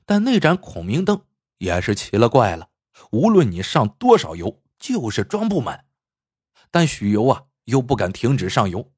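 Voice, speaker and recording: Lively husky male storyteller. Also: lowish voice, no echo, studio quality. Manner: animated, vivid storytelling. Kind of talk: folk tale narration.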